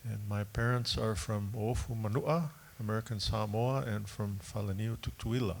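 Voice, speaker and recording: A man from Long Beach, California gives a friendly panel introduction with a little humor. His low voice has a gravelly edge. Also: normal speed, slight background noise. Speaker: education director.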